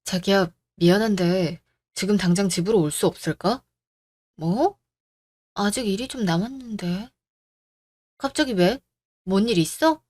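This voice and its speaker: A woman's voice: mid-range voice, a little slow, long pauses, a little mellow, slight background noise, lightly acted. A woman voicing a young wife in a radio drama who is tired and aggrieved, polite at first and then firm. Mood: apologetic.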